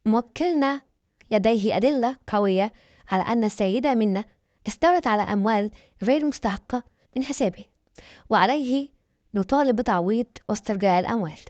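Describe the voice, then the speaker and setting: A confident male lawyer states his claim in formal speech, voiced by a woman narrator. He speaks briskly. The recording is dry and somewhat dull. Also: on the high side, a little mellow, no echo, natural voice. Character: confident formal lawyer, man, middle-aged.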